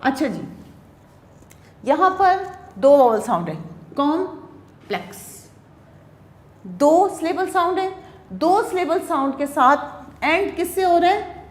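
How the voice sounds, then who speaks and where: A woman with a Pakistani accent teaching a grammar lecture, slowly spelling out words and checking in with her class. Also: extremely high pitch, lively intonation, reverberant. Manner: explains slowly, spells out words letter by letter, often asks "theek hai". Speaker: English teacher.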